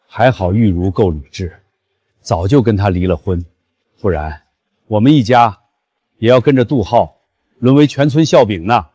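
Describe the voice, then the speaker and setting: A man's voice: fairly low pitch, moderate pace, pauses often, dark tone, slightly rough. An actor playing a scheming, sneering middle-aged father in a short drama. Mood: scornful. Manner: sneering, spiteful.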